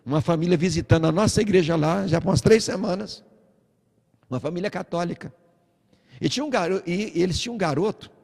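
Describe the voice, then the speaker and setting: A man with a Brazilian accent preaching a sermon as pastor, a lively storyteller who acts out the voices in his stories. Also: high-pitched, fast, gravelly, in a large hall. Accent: Brazilian Portuguese. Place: church.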